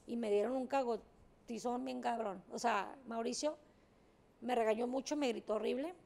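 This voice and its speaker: Blunt, high, gravelly woman. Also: fairly even intonation, normal speed, darkish tone. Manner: blunt, emphatic, swears casually. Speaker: talk show guest. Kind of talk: candid interview storytelling.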